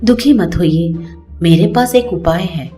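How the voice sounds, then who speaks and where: A woman voicing a kind, clever young daughter-in-law who speaks gently and coaxingly. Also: fairly low pitch, unhurried, music in the background, pitched below the performer's own voice, lightly acted. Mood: gentle.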